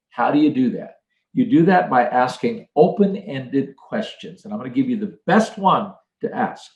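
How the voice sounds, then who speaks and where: A man's voice: medium pitch, gravelly, roomy sound, dull audio. An older man giving an earnest leadership talk, telling stories and acting out quotes. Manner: earnest, storytelling with acted quotes. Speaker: leadership trainer. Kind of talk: motivational talk.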